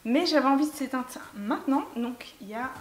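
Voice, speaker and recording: A woman's voice: high-pitched, fairly quick, a little mellow. A woman, chatting casually and enthusiastically about her latest makeup haul, with lots of fillers. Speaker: beauty vlogger. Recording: echoey room with faint music.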